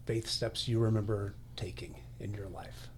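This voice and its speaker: A man's voice: on the low side, fairly even intonation, moderate pace, slight background noise. A man hosting a podcast, asking questions and affirming his guests in an encouraging way. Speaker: podcast host. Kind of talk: interview.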